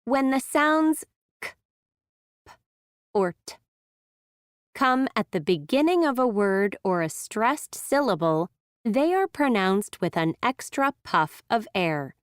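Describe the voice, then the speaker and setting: Very slow, smooth-voiced woman teaching pronunciation. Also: fairly high pitch, animated, no echo, clean studio sound. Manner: careful, deliberate. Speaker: pronunciation narrator. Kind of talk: scripted pronunciation instruction.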